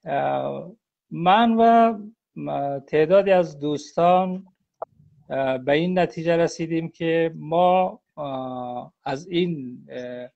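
A man, a guest scholar on a live online interview, explains at length in a halting way, often pausing on a drawn-out "uh". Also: fairly high pitch, gravelly, a little mellow. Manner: halting, with frequent drawn-out "uh" pauses. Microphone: phone or computer on a live video call. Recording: dull lo-fi livestream audio.

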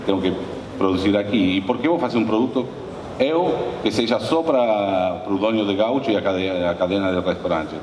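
A man from Argentina speaking Portuguese with an Argentine Spanish accent as a guest speaker on stage, telling his story in a halting way full of restarts. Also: on the low side, darkish tone. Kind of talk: conversational stage interview. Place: large conference hall, on stage. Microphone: handheld mic, far camera. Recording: roomy hall from far off, with audience noise.

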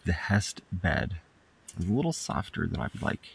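A man with a low voice, big pitch swings, vocal fry and a breathy edge vlogs at an outdoor campsite at a moderate pace. He casually walks through his camping gear, rambling loosely and using fillers.

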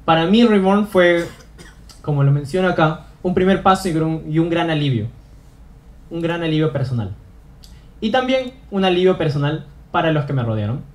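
A man's voice: fairly high pitch, animated, normal speed. A young man giving an earnest motivational talk on stage, repeating phrases for emphasis. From Peru. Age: young adult. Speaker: student speaker. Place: auditorium stage.

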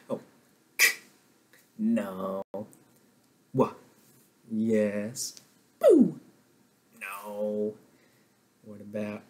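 A man teaching a young class the letter W, with patient call-and-response drills. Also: lowish voice. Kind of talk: kindergarten phonics lesson.

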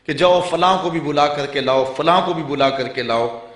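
Male preacher, higher-pitched voice, storytelling sermon in a reverberant hall. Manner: quotes Arabic hadith then explains in Urdu, storytelling, animated.

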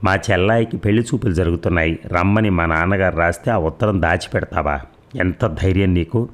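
A man voicing an angry young husband who shouts accusations at his wife in an audio story. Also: low voice, a little fast, natural voice. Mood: furious. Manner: furious, accusing.

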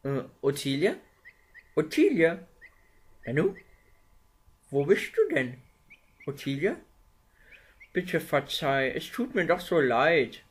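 A man's voice: fairly high pitch, big pitch swings, slow, long pauses, breathy edge, heavily acted. Hoppel, a man doing a fretful young rabbit. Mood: searching. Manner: calling out, muttering to himself. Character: kind young male rabbit, apologetic and fretful. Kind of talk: puppet theater play.

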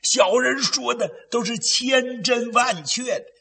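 A sly, servile prisoner from a storytelling tale, played by a man. The voice jumps high and stays gravelly, stammering and pleading dramatically. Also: slow, bright, forceful tone, heavily acted. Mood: nervous pleading. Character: cringing, sly male prisoner pleading with his interrogator.

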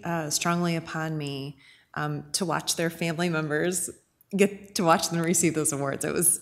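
A woman in her forties, a council member, giving heartfelt thanks with some ums, speaking into a desk mic in a council chamber. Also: deep voice. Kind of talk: council meeting remarks.

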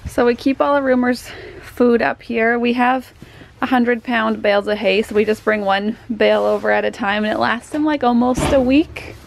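Woman vlogger, casual and chatty, fairly high with vocal fry, handheld camera at a barn. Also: steady tone, moderate pace. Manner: chatty, explanatory, laughs often. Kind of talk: casual barn tour narration. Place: horse barn and paddock, indoors and outdoors.

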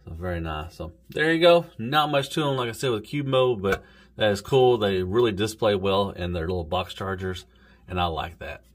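A man's voice: on the low side, normal speed. A man with a Southern US accent, casually reviewing an action figure in an easygoing, rambling way. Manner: easygoing, rambling, says "golly" and "y'all". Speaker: toy reviewer.

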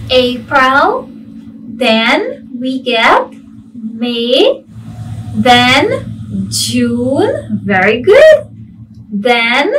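A woman gives a children's lesson in an encouraging, sing-song reciting manner. Her pace is extremely slow and her pitch swings widely as she enunciates for young pupils. She sounds a little away from the microphone. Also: fairly bright tone, distant mic, low-quality recording. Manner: encouraging, asks and answers her own questions. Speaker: primary school mathematics teacher. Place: indoor studio with virtual classroom backdrop.

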